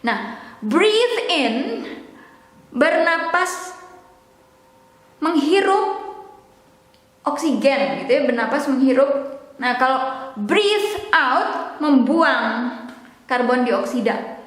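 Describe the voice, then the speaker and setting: A young woman giving a casual language lesson, explaining slowly, repeating words and joking now and then. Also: sits high, lively intonation. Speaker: English teacher. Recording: echoey room with long reverb.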